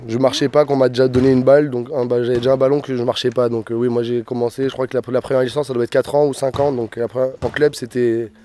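A young man, a basketball player, answering interview questions in a quick, chatty way. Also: mid-range voice, level tone, warm tone.

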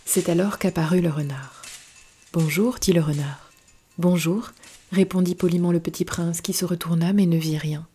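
Warm low-voiced woman reading aloud. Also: fairly even intonation, a little fast, few pauses, faint music behind. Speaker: reader. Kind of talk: storybook reading.

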